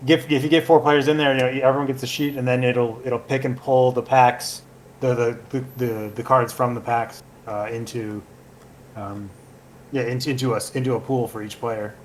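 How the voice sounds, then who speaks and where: A man guesting on a podcast explains something in casual chat, hesitating, using many fillers and restarts, and trailing off as he searches for words. His mid-range voice is level and at a normal speed, with a little hiss or hum on the recording.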